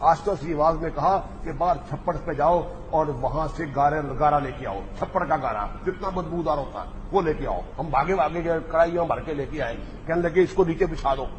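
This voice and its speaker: A man's voice: on the high side, a little fast, hardly any pauses. A man giving a polemical religious speech, mocking and acting out the exchanges he tells. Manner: mocking storyteller, acts out quoted exchanges. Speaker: religious speaker. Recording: echoey hall, faint background noise.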